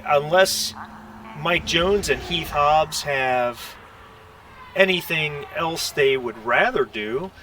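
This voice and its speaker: A man with a fairly high voice serves as game master in an online tabletop roleplaying session, laying out the setting for the group in a hesitant, easygoing, chatty way. His mic is distant and the audio noisy.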